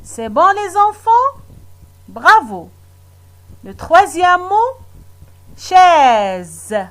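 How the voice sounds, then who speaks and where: Slow, lively-voiced woman teaching children. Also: extremely high pitch. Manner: slow, patient, praising and questioning. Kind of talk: children's phonics lesson.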